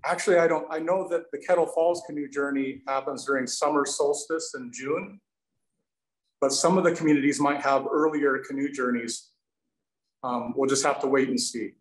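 Over a webcam video call, this forties-aged presenter and canoe maker gives casual Q&A answers from a windowed indoor workshop, grateful and sincere though he sometimes restarts. His medium-pitched voice is steady and moves at normal speed, and the call audio echoes around the room.

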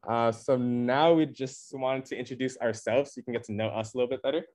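A man's voice: mid-range voice, steady tone, a little fast, a little mellow. A young man from California, the club's co-president, presenting at a meeting in a rambling, upbeat way full of fillers. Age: young adult. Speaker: club co-president. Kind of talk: casual club meeting talk.

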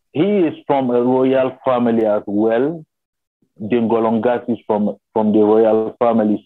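Speaking from a small room through his laptop webcam, a young man from Nigeria casually discusses his tribe's traditions on a video call. His mid-range voice sounds dry and tinny, like a phone line. He is thoughtful, repeating himself and checking with "you understand?"

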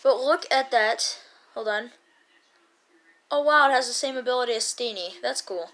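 A woman giving casual gameplay commentary as a YouTuber, rambling and chatty with excited bursts. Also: a little high, moderate pace. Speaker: gaming YouTuber.

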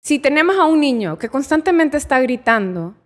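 Woman in her 30s, psychologist guest, calm explaining, kinda high voice. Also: fairly quick. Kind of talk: casual interview chat.

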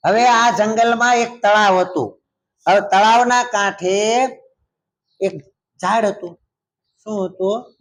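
A storyteller telling a story to young children, often pausing to ask them questions and repeating their answers. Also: mid-range voice. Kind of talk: interactive storytelling with a child audience.

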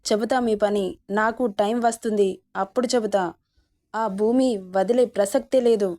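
A woman's voice: fairly high pitch, fairly even intonation, moderate pace, dark tone, natural voice. A woman voicing a greedy, quarrelsome village man who talks in a defiant, threatening way.

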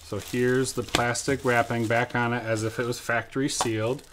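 A man's voice: mid-range voice, level tone, moderate pace, background noise. A father in his thirties chatting casually and joking with his son while opening trading card packs at home. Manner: playful, jokey, silly sing-song bits. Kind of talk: casual family unboxing chat.

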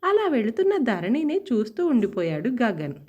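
A woman narrating a romantic family story in an expressive, lively reading. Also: on the high side, moderate pace, lo-fi sound.

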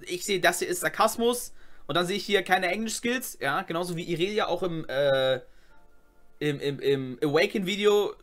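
A man's voice: high-pitched, normal speed, a bit bright. A young man giving casual, slangy commentary on game chat logs as a gaming YouTuber, exclaiming often.

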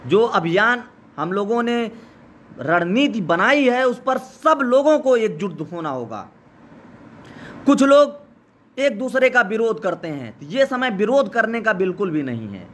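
A man speaking live as a protest organizer, urgently urging listeners to join, his voice hoarse from days of shouting. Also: high voice, sing-song, measured pace. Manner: urgent, exhorting, repetitive. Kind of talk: live rallying speech. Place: outdoor protest site.

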